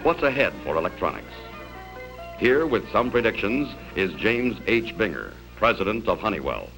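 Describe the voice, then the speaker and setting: A man's voice: normal speed, vocal fry, faint music behind, low-quality recording. A man narrating an old 1960s newsreel in a formal announcer style, with a newsreel sound. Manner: formal announcer delivery, lively pitch.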